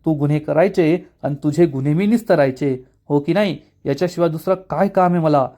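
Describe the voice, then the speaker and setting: A stern, powerful politician father scolds his wayward son with open contempt, read by a man. The voice is mellow in tone and somewhat high. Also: fairly quick, natural voice. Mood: scolding.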